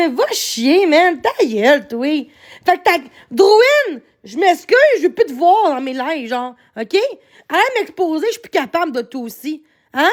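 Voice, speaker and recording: A woman with a Québécois accent, streaming live on her phone and angrily ranting at her chat, swearing and shouting. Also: high-pitched, very animated, a little slow. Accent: Québécois French. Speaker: livestreamer. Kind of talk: angry livestream rant.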